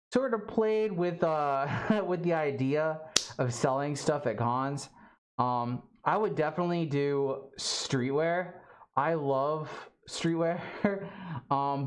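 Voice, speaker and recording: A streamer from Alabama chatting casually on a livestream from a home studio, halting and rambling with many fillers and restarts. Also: mid-range voice. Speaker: livestream host.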